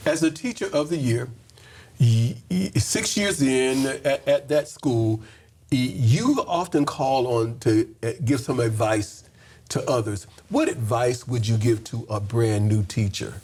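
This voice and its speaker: A man interviewing a teacher, asking wordy questions in a measured, encouraging way. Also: medium pitch, darkish tone, slight background noise.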